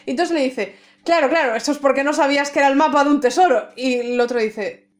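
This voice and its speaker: A woman's voice: high voice, fast. A woman from Spain with a Spain Spanish accent co-hosting a podcast, chatting casually, joking, swearing freely and acting out scenes. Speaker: podcast co-host. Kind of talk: casual chat.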